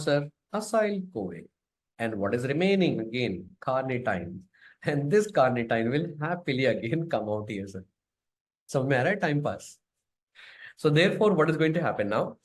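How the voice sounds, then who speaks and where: Slightly high in pitch, an Indian-accented man delivers a casual exam-prep biochemistry lesson, repeating points emphatically, mixing Hindi into his English, and ending phrases with questions.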